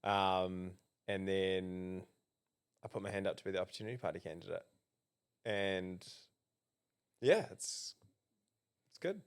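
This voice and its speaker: Guest: New Zealand man, low smooth voice, hesitant interview answers. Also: a little slow, long pauses. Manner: hesitant, many ums and restarts. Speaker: political candidate, guest. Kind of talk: casual interview.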